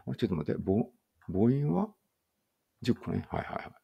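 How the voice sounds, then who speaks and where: A man's voice: on the low side, big pitch swings, brisk, gravelly, breathy edge, muffled recording. A man reading a study text aloud in a casual study-along and thinking aloud in muttered asides. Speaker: language teacher reading aloud.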